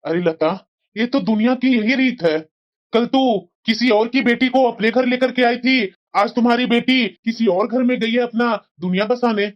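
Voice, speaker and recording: A woman voicing a calm, soothing middle-aged husband and father in a cartoon family drama. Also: on the high side, moderate pace, close to an everyday voice. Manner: mild, soothing, reasonable. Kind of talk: cartoon voice acting. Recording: dull lo-fi sound.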